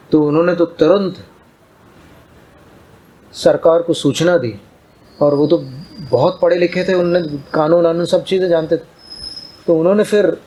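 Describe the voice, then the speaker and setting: A man preaching a sermon, calmly telling a story and retelling its dialogue in plain speech. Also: on the high side, poor audio.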